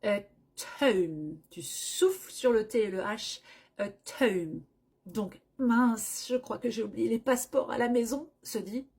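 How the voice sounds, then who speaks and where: Breathy woman teaching English. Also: fairly high pitch, normal speed, few pauses, darkish tone. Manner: explains pronunciation step by step, acts out short travel scenes. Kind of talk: language lesson.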